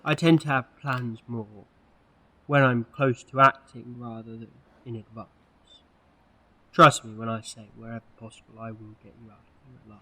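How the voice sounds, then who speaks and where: A man's voice: medium pitch, flat delivery, moderate pace, pushed and bright, rough recording. A man playing an eccentric, protective time-travelling hero in an amateur audio drama, earnest and theatrical in delivery. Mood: quietly determined.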